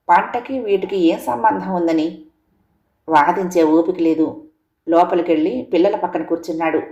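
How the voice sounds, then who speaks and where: A woman storyteller narrating a scripted story in a steady, measured way. Her voice is fairly low. A roomy echo follows her lines. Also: dull audio. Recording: echoey room.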